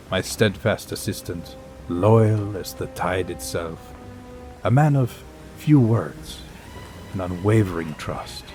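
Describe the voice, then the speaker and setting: An actor playing a grave, brooding naturalist, narrating an audio drama in solemn, measured phrases with portentous pauses. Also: male voice, low voice, darkish tone. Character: Pierre Aronnax, grave, brooding male naturalist, man of science.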